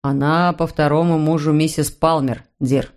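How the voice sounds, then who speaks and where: A woman voicing a calm, understanding man, a father, speaking evenly. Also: sits low, moderate pace, voice pushed down, lightly acted.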